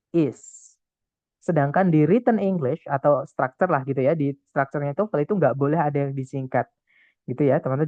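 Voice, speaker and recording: A man's voice: fairly high pitch, no echo. A man tutoring an English test class in a casual online lesson, explaining step by step and often adding filler words. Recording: tinny phone-like sound.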